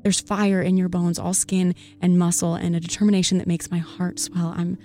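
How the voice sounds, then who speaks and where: A woman giving an earnest spoken-word poetry reading in a soft, intimate voice. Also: on the low side, flat delivery, moderate pace. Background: faint background music.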